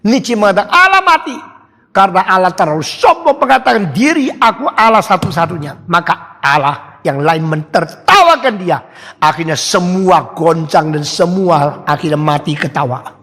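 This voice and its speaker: An older man delivers a sermon in a large hall, his voice ringing with long reverb. He speaks high and with a lively, swinging pitch, telling a story animatedly. Bursts of laughter and shouting punctuate his delivery. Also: normal speed. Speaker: preacher.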